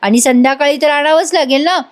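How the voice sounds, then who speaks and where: A woman's voice: high-pitched, fast talker, lightly acted. A woman voicing a sly young man who answers with sarcasm and irritation. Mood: sarcastic. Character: sly young man worried about a sham wedding.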